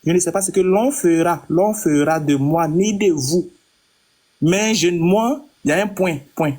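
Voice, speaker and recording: A man's voice: sits high, unhurried, a little mellow. A man in a live online debate who recites verses and then explains them point by point, patiently. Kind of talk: heated live-stream debate.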